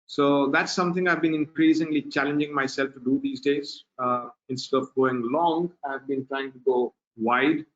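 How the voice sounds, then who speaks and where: Dull, lo-fi webinar audio carries a man presenting on wildlife photography through a video call. His medium-pitched delivery is easygoing and slow, full of filler pauses.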